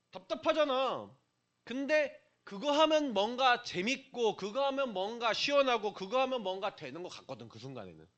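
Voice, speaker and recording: Middle-aged man, pastor at a church, conversational youth sermon; pitched high, very expressive. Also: muffled recording. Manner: conversational, questions the listeners directly. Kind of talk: sermon to young people.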